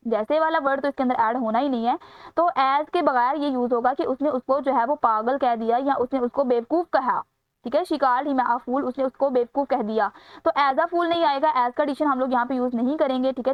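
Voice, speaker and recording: High-voiced woman teaching grammar. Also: dry recording. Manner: explains step by step, repeats key phrases. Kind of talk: exam grammar lesson. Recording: dry, slightly dull sound.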